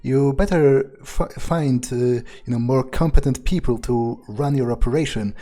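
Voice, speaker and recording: Over game music, a man plays a video game while thinking aloud in character, blunt, profane and musing. His voice is medium in pitch and warm, and he takes his time.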